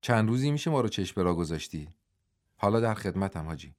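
A man's voice: lowish voice, big pitch swings, a little mellow, no room sound, clean studio sound. A man voicing a guilt-stricken young wrestler. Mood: pleading.

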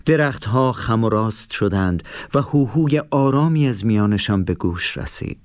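A man narrating a children's story in an expressive storytelling manner. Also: on the low side, no room sound, studio quality.

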